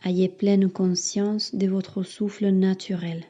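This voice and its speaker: Long pauses punctuate the soothing, measured instructions of a woman yoga teacher leading a guided meditation. She speaks in a level, dark-toned, mid-range voice, and the audio is slightly muffled.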